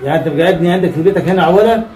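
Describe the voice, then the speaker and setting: A man's voice: sits high, rapid-fire, a little mellow, faint music behind, lightly acted. A man with an Egyptian Arabic accent playing a pious blind old father who is betrayed, pleading and praying in an amateur drama skit. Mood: confronted. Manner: pleading, prayerful, lamenting.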